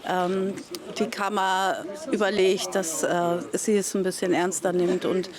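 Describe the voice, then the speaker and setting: Woman, lowish flat voice, hesitant, crowd chatter behind. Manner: hesitant, slow. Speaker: interviewee.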